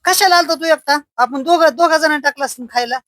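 A woman with a fairly high voice, talking to a child in a warm, fussing way that turns to mild scolding. Her sound is close and dry, with no room around it. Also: quick pace, dry recording. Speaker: vlogger. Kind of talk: casual family chat.

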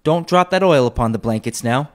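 A man reading a story aloud, voicing a bold, scornful charwoman in a shrill falsetto. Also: expressive, fairly quick, natural voice.

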